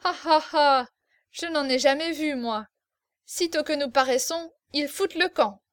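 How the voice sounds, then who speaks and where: A woman reading aloud voices an arrogant young male officer who sneers and boasts loudly. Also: high voice, a little slow, no room sound, clean studio sound, pitched above the performer's own voice. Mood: mocking. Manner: loud, sneering, laughing.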